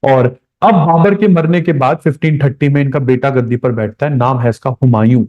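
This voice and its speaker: A man's voice: mid-range voice, steady tone, brisk. Man lecturing on history, lo-fi. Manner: conversational, addresses students directly, repeats key points. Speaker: history teacher. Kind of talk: classroom lecture. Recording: dull lo-fi recording.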